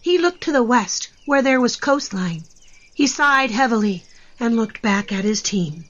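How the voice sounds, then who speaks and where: A woman tells a children's story as its narrator. Her voice is high, and the recording is slightly dull. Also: lively intonation, measured pace.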